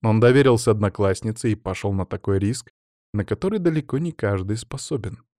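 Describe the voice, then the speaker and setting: Low-voiced male audiobook narrator. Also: expressive, dark tone, no room sound, clean studio sound. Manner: measured storytelling. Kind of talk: scripted narration.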